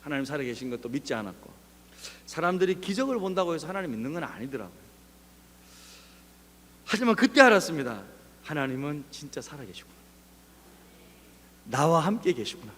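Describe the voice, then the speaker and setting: A male pastor preaching a sermon, telling a story with animated delivery and acting out scenes. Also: on the high side, a little fast, long pauses. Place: church sanctuary. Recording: long reverb of a church hall.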